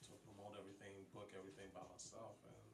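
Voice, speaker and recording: A low-voiced man, a guest musician on a radio show, talks in halting bursts full of fillers and restarts. He sits back from the mic in a roomy space with clear background noise. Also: little pitch movement, far from the mic. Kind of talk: casual radio interview. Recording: roomy sound from off the mic, noisy.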